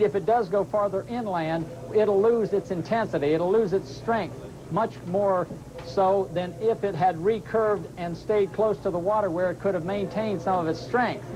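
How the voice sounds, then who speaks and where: A man giving measured, phrase-by-phrase explanations as a weather forecaster in an interview. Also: sits high, background noise. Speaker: hurricane forecaster.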